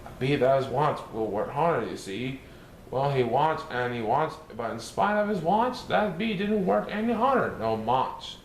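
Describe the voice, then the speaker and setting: A man's voice: mid-range voice, lively intonation, normal speed, close to an everyday voice. A man voicing a playful, mischievous male cartoon cat, reading a rhyming storybook in a sing-song, bouncy way. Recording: roomy echo, faint hiss.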